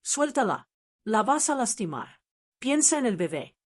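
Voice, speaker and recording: A woman's voice: fairly high pitch, big pitch swings, normal speed, a little mellow. Woman voicing a frightened pleading mother.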